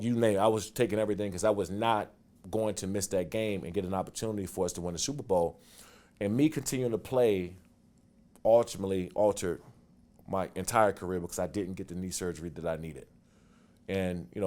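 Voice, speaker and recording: A man in his forties telling stories from his football career in a casual interview, animated and getting loud and quick when excited. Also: lowish voice. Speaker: guest, former football player.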